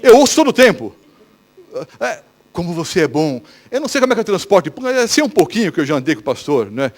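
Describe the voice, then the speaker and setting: This high-pitched man preaches at a racing clip, a pastor whose Brazilian Portuguese accent colors the sermon. He's animated in the church setting, quizzing his congregation with question after question.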